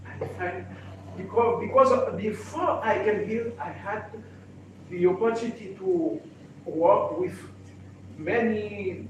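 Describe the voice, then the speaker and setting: An older man from Haiti, president of a real estate association, gives a personal introduction speech in a high-pitched, darkish voice. He speaks haltingly, repeating and restarting phrases. The room is echoey with background noise, and the far-off mic makes him sound distant.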